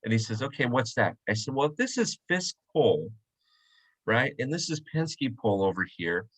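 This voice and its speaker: A male host chats in a casual video interview, telling a long story and acting out the lines he quotes. His mid-range voice is sing-song with a breathy edge, moving at a moderate pace, and the recording is rough.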